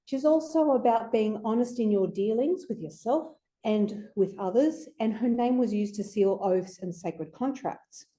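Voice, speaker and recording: A woman's voice: on the high side, unhurried, hardly any pauses, dark tone. A woman giving an informal lecture to a group, chatty and conversational with playful asides. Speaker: astrology speaker presenting to a group.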